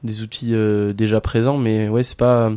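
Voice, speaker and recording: A man with a fairly low voice is a guest in a casual film discussion. He talks haltingly and often searches for his words. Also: little pitch movement, warm tone, clean tone.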